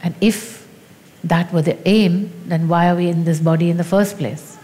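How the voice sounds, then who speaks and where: A woman spiritual teacher speaking in a slow, deliberate and emphatic way in a teaching dialogue. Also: on the low side, steady tone, mellow, long reverb tail.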